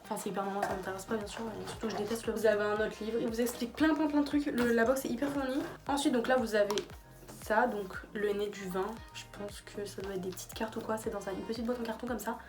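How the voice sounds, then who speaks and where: Tired young woman rambling fast in her bedroom vlog, lots of euh, faint music under. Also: medium pitch, fairly even intonation. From France. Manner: chatty, rambling with many fillers and restarts. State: tired late at night. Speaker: YouTuber. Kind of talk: casual gift-idea vlog. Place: small bedroom.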